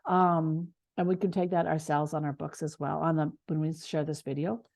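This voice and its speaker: A woman leads a casual online class in a soft, mellow voice. She talks with passion and runs on, often tripping over her words and starting again. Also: low-pitched, level tone, moderate pace, creaky. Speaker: essential oils class co-teacher.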